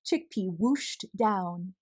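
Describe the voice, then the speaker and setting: A woman with a medium-pitched voice stretches out her words while reading a children's picture book. She tells the story in an expressive, animated way.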